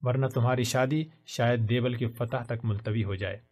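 A man's voice: mid-range voice, steady tone, darkish tone, natural voice. A man voicing a playful, affectionate young woman who teases her friend like an older sister. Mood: teasing. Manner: playful, teasing.

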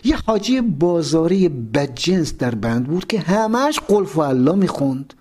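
A man narrating a prison memoir in an expressive storytelling reading, with a lively, dramatic delivery. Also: on the high side.

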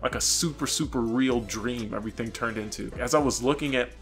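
A man's voice: mid-range voice, fairly quick. Young man telling stories, music behind. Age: young adult. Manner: slangy, expressive, acting out quoted reactions. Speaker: vlogger. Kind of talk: animated casual storytelling to camera. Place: small furnished room with couch, indoors.

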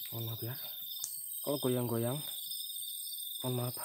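A man's voice: mid-range voice, little pitch movement, measured pace. A man hosting a night live stream outdoors at a graveyard, apologizing often and flustered while fixing his tripod. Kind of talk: casual live night vlog. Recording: outdoor night, loud insect noise. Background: loud crickets and insects.

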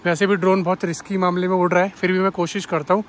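A man's voice: high-pitched, level tone, fast, a little hiss or hum. A man in his thirties from India, chatting casually to viewers as a travel vlogger at an outdoor riverside campsite. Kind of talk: casual vlog narration. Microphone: camera mic at a distance. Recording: music bed behind voice.

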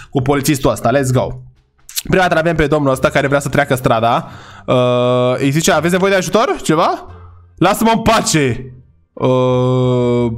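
A man giving casual, chatty gameplay commentary. He talks to his viewers as his brothers and boys, and often yells excitedly at the characters in the game. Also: on the high side. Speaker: gaming YouTuber.

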